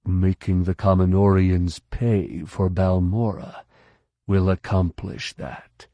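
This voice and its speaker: Narrator voicing a cold, slow-spoken colonel, low and measured, dry close sound. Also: male voice, dry recording, highs cut off. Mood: cool, controlled. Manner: slow, deliberately calm and measured. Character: calm, cold male military colonel.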